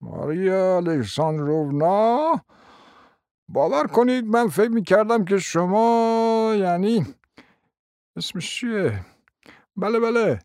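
A man doing a doddering old prince, slow and muddled. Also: high-pitched, lively intonation, darkish tone, dry recording, clean studio sound, voice pushed up. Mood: mumbling, muddled. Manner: slow, mumbling, trailing off. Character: forgetful doddering old male prince, fussy. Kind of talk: audiobook character voice.

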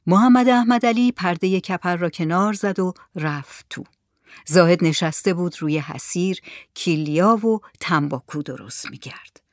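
A storyteller reading a story aloud in a measured, even way. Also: mid-range voice, dry recording, studio quality. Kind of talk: scripted narration of a story.

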